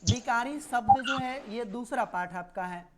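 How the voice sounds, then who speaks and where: A woman's voice: fairly high pitch, unhurried, very noisy. A woman teaching a live online grammar class, explaining with little memory stories and repeating key words.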